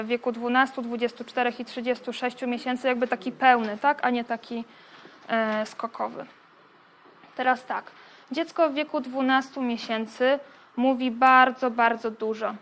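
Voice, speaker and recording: Fairly high, flat-voiced woman lecturing. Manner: explanatory, frequent fillers and checking "tak?". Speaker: lecturer on child speech development. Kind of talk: spoken lecture.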